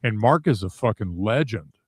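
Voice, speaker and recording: A man talking casually as a guest in an interview, candid and halting, with many restarts and some swearing. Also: fairly low pitch, expressive, a little mellow, husky, dry recording, studio quality. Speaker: guest vocalist.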